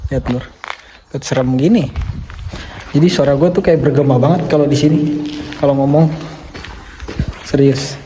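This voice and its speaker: A man's voice: mid-range voice, moderate pace, pauses often, warm tone, a little hiss or hum. Man talking inside an echoing tunnel. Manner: chatty, keeps calling the viewers "Lur". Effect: echoey tunnel reverb. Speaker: travel vlogger. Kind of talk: casual walking vlog. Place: empty stone tunnel.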